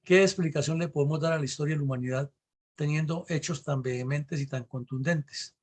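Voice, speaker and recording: A man's voice: a little high, a little fast, a little mellow, breathy edge. A middle-aged Colombian man hosting a show, giving indignant commentary full of rhetorical questions. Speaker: host and commentator.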